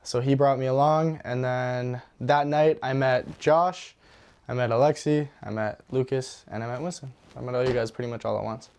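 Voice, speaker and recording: Smooth-voiced young man. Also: mid-range voice, steady tone, normal speed, darkish tone. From Ontario, Canada. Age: young adult. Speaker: interviewee. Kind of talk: documentary interview.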